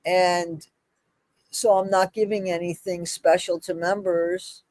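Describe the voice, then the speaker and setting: A woman's voice: on the low side, flat delivery, slow, a little mellow, dry recording. A woman chatting casually on a live stream as a channel creator, emphatic and repeating phrases for stress.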